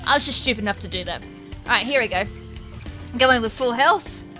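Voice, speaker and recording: Australian woman, let's play commentary, chatty and excitable, bright tone, faint game music behind. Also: a little high, a little fast. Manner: excitable, chatty, self-mocking. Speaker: gamer.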